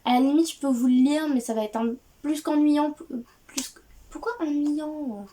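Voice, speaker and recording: A woman's voice: high-pitched, fairly even intonation, moderate pace, warm tone, slight background noise. A woman hosting a casual book haul, cheerful and gushing, with frequent hesitations and restarts. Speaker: book video host.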